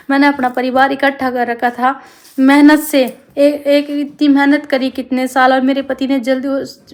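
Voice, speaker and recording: A woman, pouring out her story to her viewers in a rambling, heartfelt vlog. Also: high-pitched. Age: 20s. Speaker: family vlogger. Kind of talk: confessional talk to camera.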